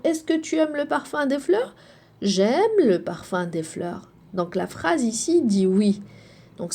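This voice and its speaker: Patient, slow-talking woman teacher. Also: fairly high pitch, a little mellow. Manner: slow, patient, repeats and checks with the class. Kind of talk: grammar lesson for children.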